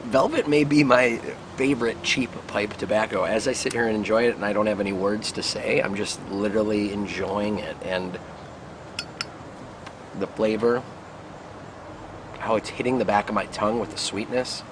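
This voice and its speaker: A man with a fairly low voice chats through a casual product review, puffing on a pipe as he talks. He muses slowly and lets thoughts trail off. The recording is outdoors, with clear wind and traffic noise around him. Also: steady tone.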